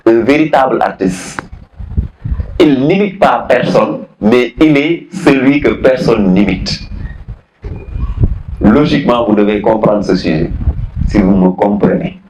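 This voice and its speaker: A man's voice: medium pitch, unhurried, long pauses, darkish tone, roomy sound, slight background noise, rough recording. A man teaching a philosophy class, repeating key phrases, questioning students and switching between French and Wolof. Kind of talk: classroom lesson.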